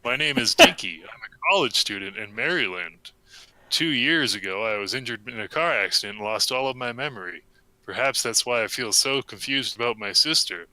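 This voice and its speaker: A young man reading a comic story aloud to friends in a deadpan way, with a close mic. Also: fairly low pitch, normal speed, no echo, poor audio. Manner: deadpan reading, breaking into laughter.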